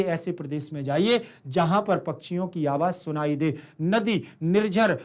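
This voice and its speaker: Indian man, high voice, Sanskrit teacher, asks questions and answers them himself. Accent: Hindi-speaking Indian. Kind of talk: explaining a Sanskrit lesson to students.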